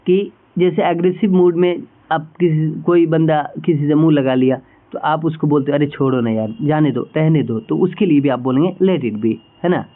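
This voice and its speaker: A man with a slightly raised pitch runs a patient phrase lesson, saying each English example again and again. His voice comes through thin and narrow, as if over a telephone. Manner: patient, repeats each phrase several times. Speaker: English teacher. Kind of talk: spoken English lesson explained in Hindi. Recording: tinny phone-like sound.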